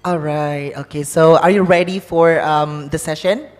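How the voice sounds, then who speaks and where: A woman's voice: deep voice, steady tone, a little slow. A woman with an Indonesian accent, formally hosting a conference as master of ceremonies. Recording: reverberant conference hall sound.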